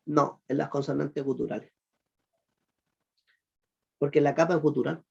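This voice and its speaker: A teacher giving an online class on Greek verb grammar, patiently repeating "look" and asking the class whether it is clear. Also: mid-range voice, fairly even intonation, moderate pace. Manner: patient, repeats "miren" and "fíjense" often; asks the class check questions. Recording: muffled lo-fi recording.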